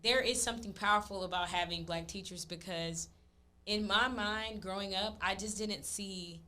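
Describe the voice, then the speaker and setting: A woman's voice: mid-range voice, steady tone, moderate pace, pushed and bright. A woman from Texas, co-hosting a casual podcast chat and talking freely with laughing asides. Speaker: podcast co-host.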